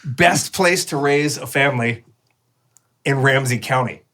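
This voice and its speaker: A mid-pitched man hosting a podcast, quizzing his guest with stats in a playful, casual manner. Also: a little slow, pushed and bright, a little hiss or hum. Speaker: podcast host. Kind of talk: casual chat.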